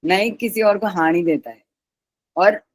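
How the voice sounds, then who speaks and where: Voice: mid-range voice, unhurried, no room sound, poor audio. A teacher giving a patient live online class who repeats each key word and its synonyms and mixes in English words.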